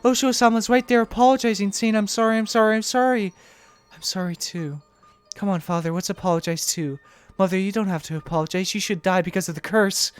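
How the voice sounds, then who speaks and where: A man voices a teenage girl losing her grip on reality under a curse, pitched a touch high. She talks in a frantic, pleading loop and keeps saying the same words over and over. The whole thing plays as a dramatic visual novel reading. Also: fairly quick, clean tone, faint music behind, lightly acted. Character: teenage girl unraveling into curse-driven madness. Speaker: let's play reader voicing all parts.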